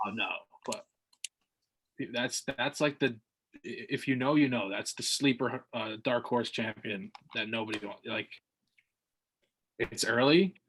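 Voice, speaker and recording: A man's voice: mid-range voice, unhurried, pauses often, a bit bright, breathy edge. A man co-hosts a combat sports podcast in loose, casual chat. He rambles, restarts his sentences and fills the gaps with fillers as he talks through fights. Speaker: podcast co-host.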